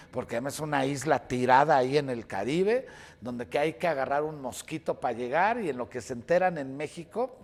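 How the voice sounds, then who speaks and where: A man telling a story in a casual way, acting out the quotes and the sound effects. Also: mid-range voice. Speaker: sports reporter telling a story.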